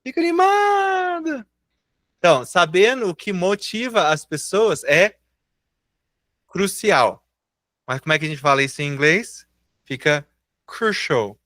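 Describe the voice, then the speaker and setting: A Brazilian man teaching English in a live online class. He speaks with a Brazilian Portuguese accent, is patient and encouraging, and draws out example words slowly. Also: a little high, lively intonation, sharp tone, dry recording, clean studio sound.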